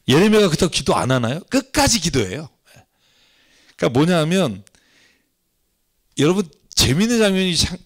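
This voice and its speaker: A male pastor teaching from the Bible in a sermon, often turning to the congregation with questions. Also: on the high side. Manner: engaging, asks the congregation questions.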